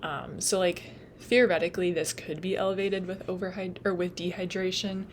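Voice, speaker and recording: A young adult woman, tutoring nursing students, explains material casually and chattily in a study lecture, saying "like" and "um" often and laughing at her own slips as she loses her voice. Her voice is on the low side with a level tone at normal speed, and a little hiss or hum is audible.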